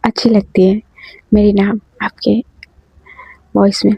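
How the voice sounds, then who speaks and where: A woman's voice: mid-range voice, level tone, slow pace, creaky, warm tone, slightly rough, no room sound, dull audio, heavily acted. A woman doing a cheeky teasing student girl. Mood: teasing pleading. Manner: teasing, pleading, playful.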